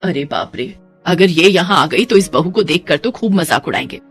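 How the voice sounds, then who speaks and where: A woman's voice: lowish voice, animated, moderate pace, soft background music, pitched below the performer's own voice. A woman voicing a fussy, traditional middle-aged mother-in-law who scolds and laments dramatically. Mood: fretting.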